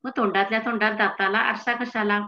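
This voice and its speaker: A woman's voice: mid-range voice, fairly even intonation, a little fast, sharp tone, lo-fi sound. A woman teacher explaining a textbook chapter to students in an explanatory manner, often prompting them to "see".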